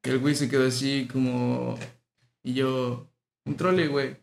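Slangy Mexican man, gravelly voice. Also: mid-range voice, flat delivery, moderate pace, reverberant. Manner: slangy, laughing storyteller. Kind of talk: casual chat.

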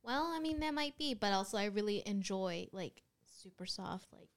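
A woman's voice: medium pitch, animated, normal speed. A woman guest on a podcast, talking casually in a rambling way full of fillers.

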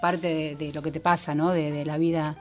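A woman with a deep, level voice speaks at a normal speed over soft background music. She is a singer-songwriter with a Rioplatense Spanish accent, discussing her songs in a casual interview. She sounds thoughtful and reflective, with frequent fillers and small restarts.

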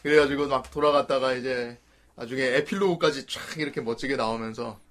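A man's voice: mid-range voice, brisk, fairly bright tone. A man co-hosting a casual chat show, eagerly retelling a plot. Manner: recounting a story, eager and emotional. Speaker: podcast co-host.

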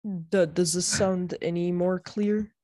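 A woman's voice: on the low side, fairly even intonation, takes it slowly, warm tone, no room sound, studio quality. A woman co-hosting a casual podcast, talking from under a blanket at home, blunt and jokey. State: recording under a blanket, muffled and dry. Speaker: podcast co-host. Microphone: home microphone under a blanket.

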